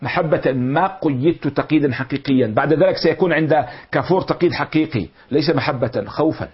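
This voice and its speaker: A middle-aged man teaching a lecture on classical poetry, explaining slowly and repeating and glossing words. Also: fairly high pitch, husky. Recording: dull lo-fi recording.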